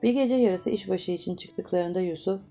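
A woman narrates a novel in a steady, measured way. Her voice is low and gravelly with a dark, mellow tone, and soft guitar music plays behind her. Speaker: audiobook narrator. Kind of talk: novel reading.

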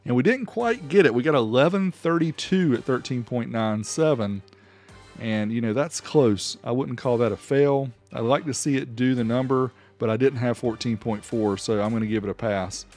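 Over soft background music, the host of an audio gear review channel casually narrates product tests, reading figures aloud in a plain, explanatory manner. He speaks at a moderate pace in a mid-range, slightly mellow male voice.

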